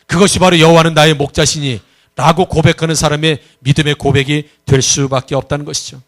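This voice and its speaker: A man with a notably high voice delivers a Sunday sermon as pastor. He is emphatic and keeps putting questions to the congregation. Now and then he tells a personal story and acts out the voices in it. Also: fairly even intonation, a little fast.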